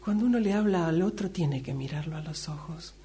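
A middle-aged woman with an Argentine accent chats casually face to face during a radio drama workshop exercise. Her low, warm, breathy voice runs a little fast, on a noisy amateur recording with humming.

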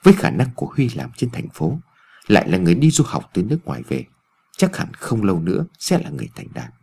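Male storyteller, ghost story, husky voice, lively pitch. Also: fast talker. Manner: expressive storytelling reading.

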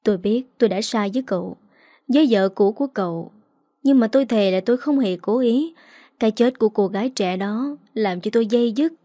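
A woman's voice: fairly high pitch, a little fast, dark tone, dry recording, studio quality, close to an everyday voice. A woman voicing a remorseful older father who humbly pleads for forgiveness. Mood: pleading.

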